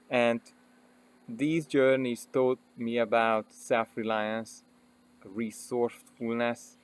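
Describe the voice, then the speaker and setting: A man from Hungary with a Hungarian accent, a personal development coach telling his own story in an earnest, unhurried way with frequent pauses and fillers. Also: medium pitch.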